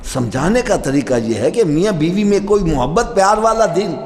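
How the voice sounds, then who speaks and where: A man's voice: sits high, slight background noise. A middle-aged man preaching a sermon, telling stories and speaking directly to his listeners. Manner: animated, storytelling with rising emphasis and asides to listeners. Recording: long reverb hall with faint ambience.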